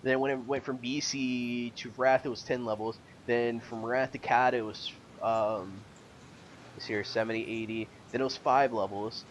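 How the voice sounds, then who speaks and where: A man chatting casually on a gaming podcast, rambling through his thoughts with plenty of ums and restarts. His voice sits at an ordinary middle pitch, and a faint rumble hums under the recording. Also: fairly even intonation, moderate pace, highs cut off. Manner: rambling, hesitant, lots of fillers. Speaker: podcast co-host.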